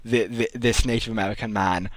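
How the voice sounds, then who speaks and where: A man hosting a podcast, spinning an absurd story in a halting, deadpan way with many restarts. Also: lowish voice, no room sound. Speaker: podcast host. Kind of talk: rambling comedic podcast chat.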